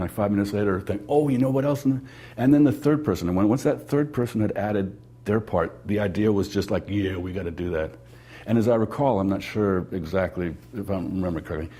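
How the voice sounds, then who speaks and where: A man's voice: low voice, mellow, breathy edge. A man, a game developer, sharing enthusiastic anecdotes in an interview. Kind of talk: interview recollection.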